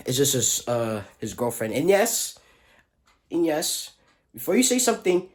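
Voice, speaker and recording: A young man talks straight into his phone, rambling through a school story with lots of fillers and restarts. He stumbles over words and drops curses freely. His voice sits at an ordinary middle pitch. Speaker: vlogger telling a school story.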